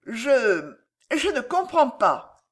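Brief: terrified pleading young wife, high and wavering, read by a man. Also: very animated, very slow, breathy edge, heavily acted. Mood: stammering. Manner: trembling, pleading. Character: frightened young wife accused of poisoning.

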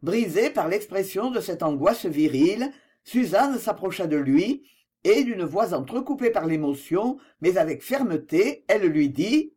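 A woman's voice: mid-range voice, big pitch swings, measured pace, mellow, breathy edge. A woman reading a novel aloud as an audiobook narrator, with dramatic expression.

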